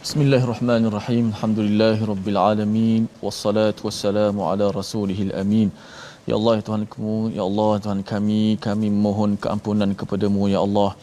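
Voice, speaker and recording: A man leading a recited supplication prayer, repeating invocations in a steady rhythm. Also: fairly low pitch, quick pace, slight background noise. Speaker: religious teacher leading prayer.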